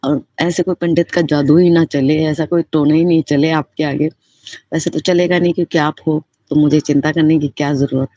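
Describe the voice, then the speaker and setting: A woman's voice: sits low, fairly even intonation, normal speed, warm tone, dry recording. A woman giving a personal devotional testimony, speaking in a heartfelt, repetitive and fervently grateful way. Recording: slightly muffled lo-fi recording.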